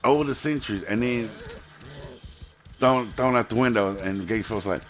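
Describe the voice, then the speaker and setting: A man with a very low voice rants on a live stream, heated and profane, circling back over the same points again and again. Faint music plays underneath him. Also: moderate pace, a bit bright. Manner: heated, profane, repetitive ranting.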